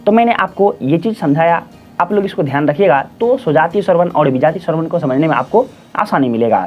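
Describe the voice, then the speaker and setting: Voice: mid-range voice, lively intonation, fast talker. Patient teacher repeating definitions, lo-fi. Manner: patient, repeats each definition, asks and answers its own questions; addresses listeners as friends and children. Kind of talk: classroom-style grammar lesson. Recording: dull lo-fi audio with faint music.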